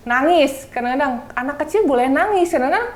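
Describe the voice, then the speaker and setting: Chatty woman guest, slightly high voice. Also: animated, quick pace. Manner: chatty, laughs while telling stories. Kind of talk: casual chat.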